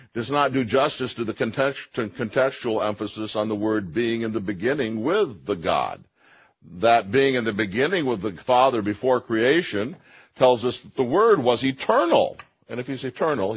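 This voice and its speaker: A man's voice: fairly low pitch, husky, lo-fi sound. A man giving a theology lecture, explaining carefully, correcting himself and stressing key phrases.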